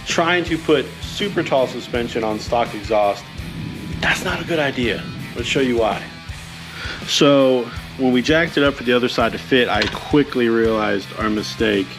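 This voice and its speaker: Over background music, a man narrates his DIY motorcycle garage video as he works, giving casual how-to tips with dry, tongue-in-cheek humor. His voice is medium in pitch and moves at a moderate pace.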